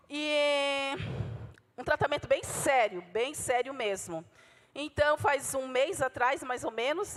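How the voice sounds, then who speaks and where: A Brazilian woman pastor preaching a passionate sermon, swinging from loud calls to soft, quiet asides. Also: high voice. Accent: Brazilian Portuguese. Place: church hall. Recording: long church hall reverb.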